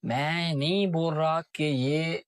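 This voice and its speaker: This trading teacher has a smooth voice on the high side, a steady tone and an unhurried pace, recorded without echo. He casually explains how to read charts, marking as he goes and answering his own questions.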